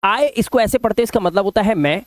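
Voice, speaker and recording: A man's voice: high-pitched, animated, fast talker, no room sound. Patient male English teacher, dry sound. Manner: patient, repetitive, tells listeners to pay attention. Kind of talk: beginner language lesson.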